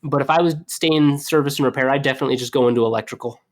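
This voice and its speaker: A man's voice: medium pitch, racing. Young plumber guy telling stories on a podcast, chatty, lots of you know. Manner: animated, laughing storyteller with fillers. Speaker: plumber guest. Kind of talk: casual storytelling.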